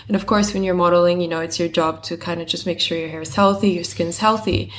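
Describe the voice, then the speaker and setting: A woman's voice: lowish voice, fairly even intonation, quick pace, slight background noise. A young woman guest chatting casually in an interview, with a lot of "like" fillers. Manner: chatty, heavy use of "like" fillers. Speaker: guest, company co-founder.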